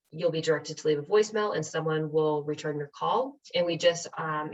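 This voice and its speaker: An American woman, a county clerk, giving a measured webinar presentation with frequent ums. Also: sits low. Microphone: video call. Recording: distant, dull webinar audio.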